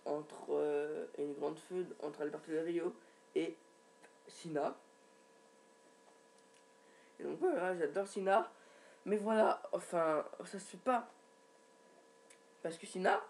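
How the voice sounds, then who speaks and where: A man's voice: fairly high pitch, a little mellow. A man giving a casual, rambling recap from his home computer, with many restarts and fillers. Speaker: wrestling recap vlogger.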